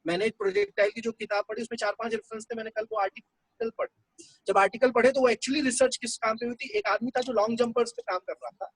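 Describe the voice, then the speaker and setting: Male teacher, high voice, husky, dry close sound, chatty classroom lecture. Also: expressive, fast, dry recording, poor audio. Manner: conversational, explains step by step.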